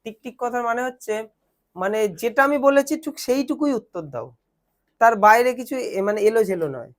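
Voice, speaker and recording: A woman's voice: a little high, animated, a little fast. A young woman teaches children translation, patiently asking questions and answering them herself. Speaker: tutor.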